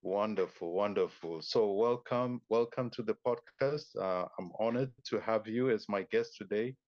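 A man's voice: fairly low pitch, moderate pace, no room sound. A man hosting a podcast interview, asking his guests questions with many ums and uhs. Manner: hesitant, filler-heavy, welcoming. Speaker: podcast host. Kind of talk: interview conversation. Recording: dull, dry sound.

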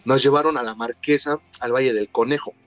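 Telling stories from his childhood, this Mexican-accented man chats in lively slang and performs the quotes of the people involved. His mid-range voice moves briskly over a dry recording with gentle background music.

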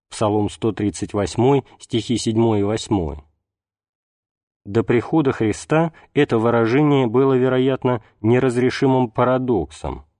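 A man reading a religious text aloud as an audiobook narrator, in a measured, unhurried way. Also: medium pitch, mellow, dry recording, clean studio sound. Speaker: audiobook reader.

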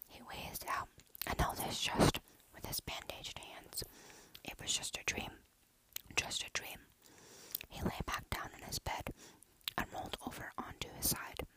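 A storyteller reading a dark horror story aloud in a steady, hushed whisper. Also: low-quality recording.

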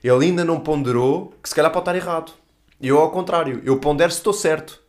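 Fast-talking European Portuguese man, earnest podcast guest. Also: a little high. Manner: earnest, explanatory, uses slang and check-in tags. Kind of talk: casual podcast conversation.

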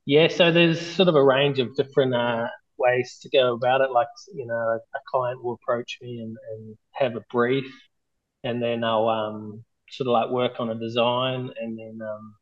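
A man with a broad Kiwi accent talks casually as an interview guest. His delivery is laid-back and hesitant, with little movement in pitch. The recording sounds slightly dull, with the top end rolled off. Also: little pitch movement, normal speed. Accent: broad New Zealand. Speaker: interview guest, mural artist.

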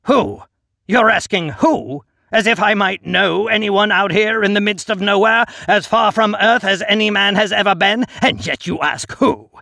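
A man voicing a mischievous, flippant male sorcerer with a thin, high, lively voice and a sarcastic manner. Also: gravelly, slightly rough, no echo, clean studio sound, full character voice. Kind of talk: audiobook character voice.

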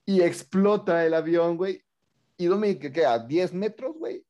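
A man's voice: high voice, expressive, normal speed, warm tone, lo-fi sound. A man with a Mexican accent co-hosting a movie review show, talking in slangy, incredulous rants in a casual, humorous chat.

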